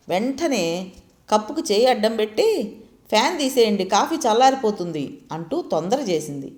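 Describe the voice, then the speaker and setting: A woman narrating a family story in a steady, expressive reading. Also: medium pitch.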